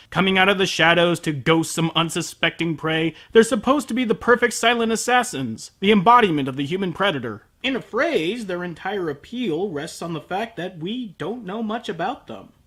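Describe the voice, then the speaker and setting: A man hosts a scripted anime review show as comedy commentary, his high voice full of very lively intonation and his delivery sardonic and emphatic.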